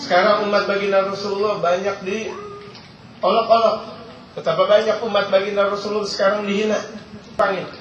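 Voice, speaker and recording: Male preacher, high voice, explains Arabic quotes in everyday talk, roomy echo with faint ambience. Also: little pitch movement, normal speed, pauses often, a bit bright, a little hiss or hum. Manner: reads Arabic text then explains it in casual speech; repeats key phrases for emphasis. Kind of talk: religious lecture. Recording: roomy, distant, dull lo-fi sound.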